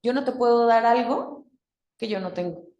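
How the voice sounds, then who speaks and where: A woman's voice: on the high side, normal speed, a little mellow, dull audio. A woman giving an interactive talk to a group. She asks them questions and acts out different tones of voice as examples. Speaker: workshop speaker. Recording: echoey room.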